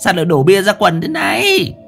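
A man doing a whiny, shrill effeminate flirt. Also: huge pitch swings, a little fast, creaky, fairly bright tone, soft background music, heavily acted. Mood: coy fussing. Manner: whiny sing-song voice.

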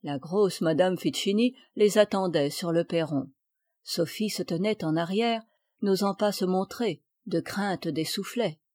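A woman narrating a children's story in a clear, measured reading. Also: on the low side, a little mellow, dry recording, clean studio sound. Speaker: audiobook reader.

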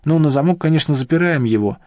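A man's voice: animated, fast, a little mellow, no room sound, clean studio sound, natural voice. Man voicing a grumbling old professor. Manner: grumbling, complaining, raised pitch over the reader's own. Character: grumbling elderly male professor, rueful and defensive. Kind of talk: audiobook character reading.

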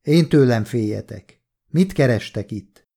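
Gruff mocking partisan commander, as a male narrator voices him. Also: mid-range voice, animated, mellow.

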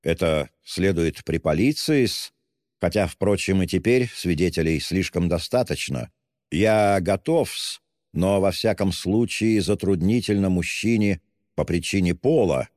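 A man's voice: low-pitched, measured pace, a little mellow, clean studio sound. A man voicing a smug, pompous middle-aged official who speaks with cold, reproachful politeness. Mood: flustered. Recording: long hall reverb.

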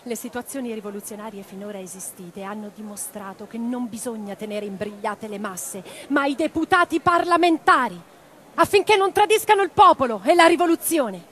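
An actress plays an impassioned revolutionary woman, an orator and letter-writer, in a radio play, delivering a theatrical dramatic monologue with defiant intensity. Her voice is a little high, expressive, brisk and somewhat bright. Plucked guitar music plays behind her.

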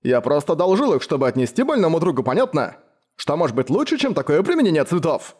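A man voicing a brash, boastful biker who talks loudly and mockingly, with a raised, swaggering voice. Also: a little high, sing-song, fast talker, pitched above the performer's own voice. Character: brash boastful male biker, loud and cocky.

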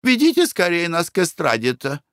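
A man voicing a fussy, squeamish middle-aged lady traveler who squeals and frets in a shrill voice. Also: wildly swooping pitch, normal speed, fairly bright tone, no echo, clean studio sound, exaggerated voice. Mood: disgusted. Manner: shrill, squealing, easily frightened. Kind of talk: audiobook character reading.

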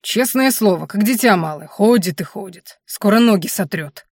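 A woman's voice: mid-range voice, expressive, normal speed, no room sound, studio quality. A woman voicing a blunt, plain-spoken green orc warrior woman in an audiobook. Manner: gruff, plain-spoken, snorting.

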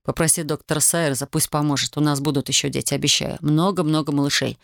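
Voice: mid-range voice, fairly even intonation, quick pace, gravelly, no echo, studio quality, lightly acted. A narrator voicing a wounded young male soldier who speaks tersely and with exasperation, in an audiobook reading.

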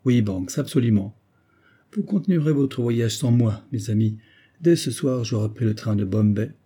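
A man voicing a grave, vengeful retired colonel with a husky voice, speaking in solemn, insistent declamation. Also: medium pitch, lively intonation, moderate pace, dark tone. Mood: determined.

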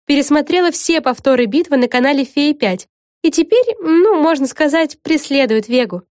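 A woman's voice: high-pitched, lively intonation, moderate pace, darkish tone, dry recording, clean studio sound, pitched above the performer's own voice. A woman voicing a wry, chatty young witch who explains things in a knowing tone. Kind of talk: audiobook character voice.

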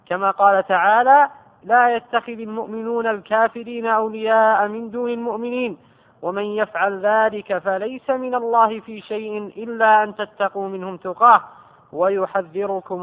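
A man with a fairly high voice reads a scholarly text aloud in a measured, careful way. The recording is narrow and tinny, like a phone line. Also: fairly even intonation. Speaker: student reading a text aloud to a teacher.

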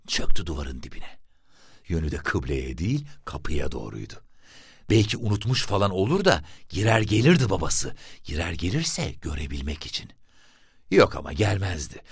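A man reads a story aloud with a low, husky voice that swings widely in pitch. His telling is lively and expressive. The sound is dry and close. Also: normal speed, dry recording. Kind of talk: scripted story narration.

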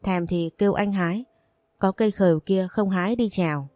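A woman reading the lines of a young father who gently scolds and teases, in a plain audiobook reading voice. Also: mid-range voice, moderate pace, dry recording, close to an everyday voice. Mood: teasing, scolding. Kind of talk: audiobook narration.

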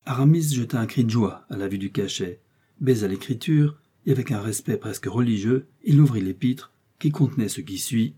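A man reading a classic novel aloud in a measured, even storytelling manner. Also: mid-range voice, slightly rough. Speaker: audiobook narrator. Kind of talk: scripted narration.

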